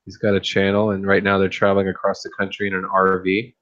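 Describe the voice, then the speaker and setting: A fish-keeping streamer and YouTuber with a very deep, low voice chats late at night in a flat, even tone and at a quick pace. He rambles, thinks aloud, and restarts often, and the audio is slightly muffled and lo-fi.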